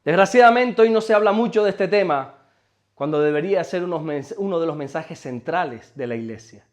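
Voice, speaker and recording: A man's voice: a little high, lively intonation, brisk. A man preaching a sermon as pastor, emphatic and questioning the congregation. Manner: emphatic, asks the congregation questions, repeats words when stumbling.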